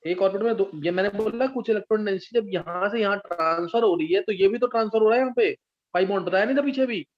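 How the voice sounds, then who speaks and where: A man with a high voice teaches a chemistry class, walking through structures patiently and pausing again and again to ask if the students understand. The recording sounds dull and lo-fi. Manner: patient, checks understanding often. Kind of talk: live online class teaching.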